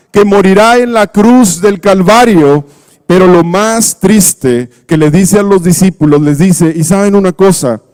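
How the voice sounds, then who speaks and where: A man's voice: sits high, a little mellow, no room sound. A male pastor preaching a sermon, retelling a story earnestly and often repeating phrases for emphasis.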